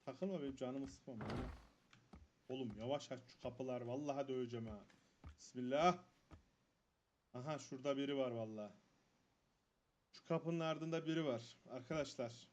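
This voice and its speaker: A gaming streamer with a mid-range voice narrates a horror game at a normal speed, pausing often. He's jumpy and swears, muttering prayers under his breath when frightened. The lo-fi mic sounds dull, with faint noise.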